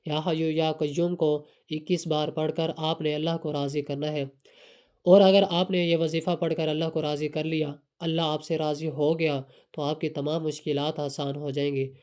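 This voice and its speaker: A man's voice: fairly high pitch, level tone, a little mellow, clean tone. A man with a Pakistani Urdu accent giving earnest, repetitive step-by-step devotional instructions. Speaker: religious instructor.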